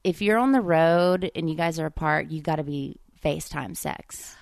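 Woman with southern valley girl accent, lots of fry, blunt playful podcast chat, dry close sound. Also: deep voice, moderate pace, darkish tone, dry recording. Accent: Southern US mixed with Valley Girl. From southern United States. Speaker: podcast guest, comedian. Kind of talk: casual chat.

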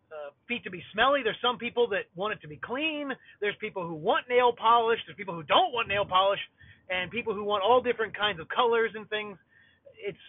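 A man's voice: sits high, no echo. A middle-aged podcast host talking off the cuff from inside his car, his voice sounding tinny and metallic through the car's built-in Bluetooth audio, rambling with many filler sounds. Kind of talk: unscripted solo monologue. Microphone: car's built-in Bluetooth system.

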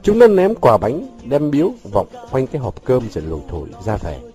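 A man's voice: mid-range voice, fairly quick, faint music behind. A man narrating a long story aloud, reading expressively. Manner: expressive, shifting with the scene. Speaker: audiobook narrator.

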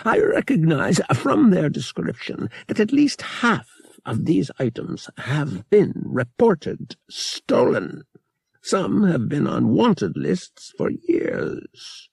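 A man's voice: a little high, wildly swooping pitch, slow, vocal fry, darkish tone, breathy edge, no room sound, clean studio sound, voice pushed up, exaggerated voice. A man voicing a fussy, dramatic old male antiques dealer who speaks in a pompous, theatrical way. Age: older.

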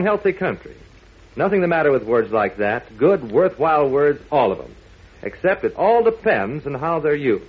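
A man's voice: medium pitch, breathy edge, narrow, tinny audio. A man working as a 1940s radio announcer, speaking to young listeners in a folksy, emphatic way.

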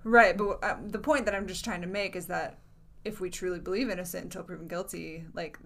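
A woman in casual debate, hedging often, filling with "like," and letting sentences trail off softly. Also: fairly low pitch, fairly even intonation, a little fast, gravelly.

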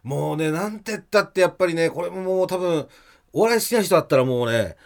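Man, radio co-host, casual chat, animated storyteller, quick, lively pitch. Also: gravelly. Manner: animated storytelling, acts out quoted lines. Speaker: radio comedy duo co-host. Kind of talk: casual after-show chat.

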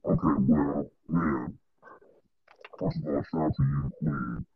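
Casting note: informal woman host, speech crushed by fuzz distortion, very deep, gravelly tone. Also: steady tone, takes it slowly, no echo. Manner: friendly, informal, says y'all. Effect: heavy fuzzy distortion on her audio. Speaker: host of an online audio room. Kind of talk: casual chat. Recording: distorted, lo-fi phone-like audio.

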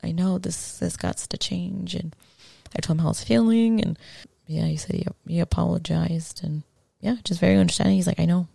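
A woman's voice: lowish voice, fairly even intonation, a little fast, vocal fry, warm tone, no room sound, clean studio sound. A woman guest on a podcast telling a personal story in a casual, frank way, full of slang and swearing. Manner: slangy and frank, swears freely, fillers like "bro".

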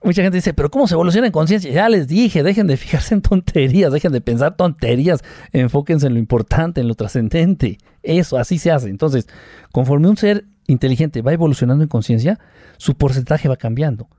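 A man's voice: on the high side, moderate pace, no echo, clean studio sound. A man from Mexico with a Mexican Spanish accent, a guest telling his own experiences in a casual interview, acting out quoted lines and adding sound effects. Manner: animated storyteller who acts out quotes with sound effects. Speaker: guest, UFO contactee.

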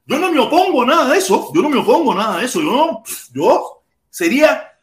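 A Cuban man with a Cuban Spanish accent hosts a live stream, rambling and repeating himself in an animated way. His voice is high and swings widely in pitch, and the recording sounds like it was made in an echoey room. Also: a little fast. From Cuba. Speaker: livestream host. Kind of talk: casual live-stream commentary.

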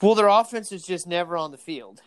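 A man co-hosting a casual sports podcast, excitable and laughing often, tired from an early morning. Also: high-pitched, a little fast, clear, resonant tone, dry recording. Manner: excitable, laughs often, acts out quoted exchanges. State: tired, yawning. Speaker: podcast co-host.

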